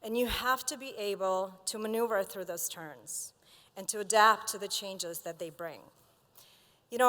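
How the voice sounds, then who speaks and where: A woman's voice: mid-range voice, a bit bright. Woman giving a speech in a reverberant hall. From Azerbaijan. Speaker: commencement speaker. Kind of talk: commencement speech. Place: large hall.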